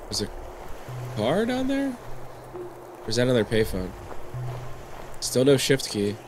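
A man in his thirties, his voice nasal from a cold he's getting over, streams a horror game from an indoor gaming desk through a headset mic, with game music behind him. He talks a little slowly with huge pitch swings, swearing and jumpy. When startled, he yelps in high bursts.

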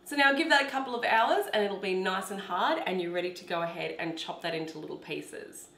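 A woman's voice: mid-range voice, fairly quick, fairly bright tone, echoey room. A woman, hosting a cooking demonstration in her home kitchen and explaining each step in a chatty, instructive way. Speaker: cooking show host.

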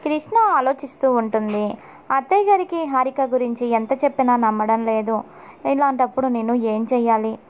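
A woman narrating her channel's recap of a TV serial episode in brisk storytelling. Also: fairly high pitch.

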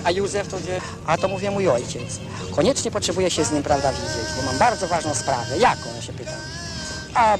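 A fairly high-pitched man speaking in the sound of a 1970s newsreel, with clear music running beneath him. He rambles through his account and keeps filling with "prawda". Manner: rambling, fills with "prawda", restarts often. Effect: 1970s newsreel sound recording. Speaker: interviewee. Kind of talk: casual spoken account.

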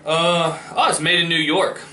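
A man's voice: on the high side, fairly even intonation, normal speed, sharp tone, slight background noise. A man, a dad hosting a casual taste-test vlog, joking and reacting playfully as he talks.

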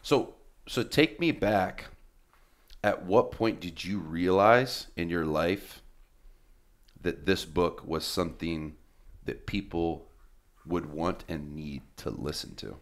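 A man with an extremely deep voice hosts a casual podcast interview. He talks in an earnest, affectionate way, full of ums and uhs. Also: slow pace, pauses often. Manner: earnest and affectionate, with frequent fillers. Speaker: podcast host.

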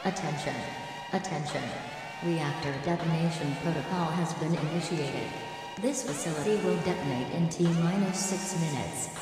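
A woman making calm, measured facility alarm announcements over a PA system. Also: sits low. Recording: echoey hall PA with loud game music.

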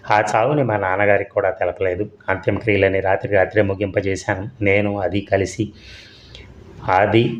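A man narrating an audio story in a steady, unhurried read. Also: deep voice. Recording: dull lo-fi audio.

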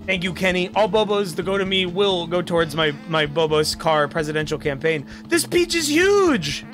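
A man's voice: on the high side, flat delivery, a little fast. A young man giving casual, joking, sweary gameplay commentary as a streamer. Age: young adult. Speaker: game streamer. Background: game music.

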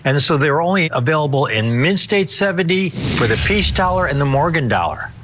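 A middle-aged American man giving a hard sell infomercial pitch with emphatic, deliberate, dramatic stress. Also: sing-song, background noise. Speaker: TV coin pitchman.

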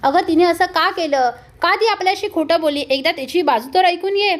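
A woman's voice: very high-pitched, fairly quick. A woman voicing a reasonable older man. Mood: pleading. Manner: pleading, reasonable.

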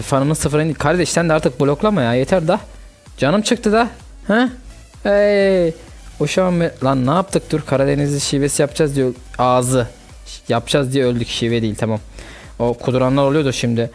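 A young man hosting a gaming channel, chatting casually and reacting excitedly to a mobile fighting game as he plays. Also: medium pitch, a little fast, soft background music.

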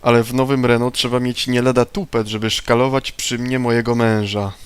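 A man's voice: flat delivery, fairly quick, clear, resonant tone, no echo, close to an everyday voice. Guy reading a stuck-up temperance lady from the game, easily offended, dry close mic. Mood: indignant. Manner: reads a woman's lines aloud, a little higher and louder. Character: prim middle-aged woman, temperance leader, indignant. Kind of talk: reading game dialogue aloud.

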